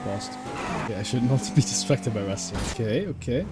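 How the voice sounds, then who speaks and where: A young Dutch gaming YouTuber with a Dutch-German accent rambles casually while playing a driving game, full of fillers and self-corrections. His mid-range voice is expressive and fairly quick. Music, racing car engine noise and game sounds play behind him.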